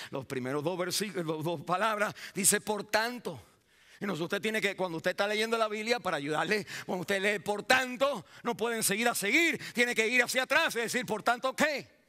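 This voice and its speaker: A man's voice: fairly high pitch, pushed and bright. A man preaching a sermon as a pastor, emphatic, with frequent restarts and rising exclamations.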